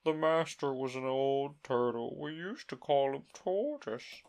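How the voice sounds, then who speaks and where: A reader voicing a sorrowful, sobbing male Mock Turtle in a storybook reading, with a slow, mournful drawl. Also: medium pitch, expressive, a little mellow.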